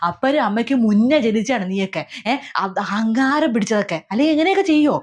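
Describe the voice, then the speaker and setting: A woman's voice: fairly high pitch, animated, fast, pitched below the performer's own voice. A woman playing a melodramatic middle-aged mother in a comedy sketch, scolding and lamenting over and over. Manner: scolding, wailing, repeats herself. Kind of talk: comedy sketch role-play.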